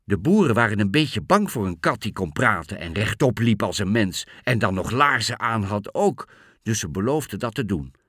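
Very expressive male storybook narrator. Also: lowish voice, normal speed, no room sound, clean studio sound. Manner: very expressive, swooping intonation. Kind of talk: storybook reading aloud.

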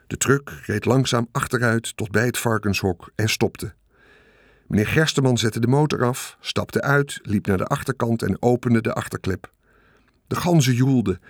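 Steady male audiobook narrator, dry close sound. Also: medium pitch, no room sound. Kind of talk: scripted narration.

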